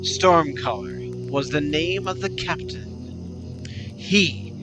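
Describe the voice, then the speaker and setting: A man putting on a grand epic-announcer voice to narrate a pirate legend like a storybook, slow and theatrical. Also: on the high side. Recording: clear music behind the voice.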